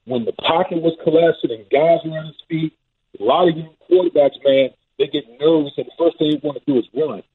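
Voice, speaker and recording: A man calling in to a sports radio show, his voice somewhat higher than most and a little husky. He talks loosely and energetically, leaning on "man" and "I mean." It all comes through a tinny, muffled phone line that sounds like he is calling from inside a tunnel. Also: brisk. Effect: muffled low-quality phone line, as if calling from inside a tunnel. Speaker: football analyst calling in. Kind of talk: casual sports radio talk.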